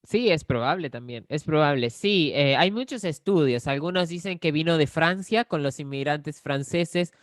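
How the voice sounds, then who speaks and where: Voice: mid-range voice, normal speed, hardly any pauses, no echo, clean studio sound. A speaker from Córdoba in Argentina with a Cordoba Argentine accent, patiently explaining Spanish grammar with examples and often checking in with the listener. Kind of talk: explanatory conversation.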